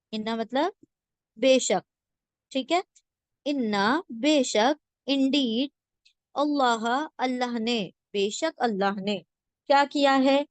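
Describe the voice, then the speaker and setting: A woman teaching a word-by-word scripture translation lesson, slowly and patiently, repeating each word and checking that listeners follow. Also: a little high, no echo. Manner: slow patient teaching, repeats words and asks "theek hai?".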